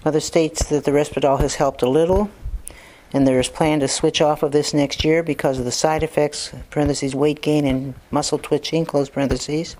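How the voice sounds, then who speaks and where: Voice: mid-range voice, normal speed, slight background noise, low-quality recording. Clinician dictating punctuation aloud. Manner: speaks punctuation aloud and spells out names; steady, matter-of-fact with fillers.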